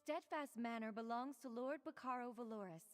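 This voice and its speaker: A woman's voice: a little high, brisk, close to an everyday voice. An actress playing a stern, frustrated woman healer in a video game, speaking earnestly and formally. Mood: grave, concerned. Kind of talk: scripted video game character dialogue. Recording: music behind the voice.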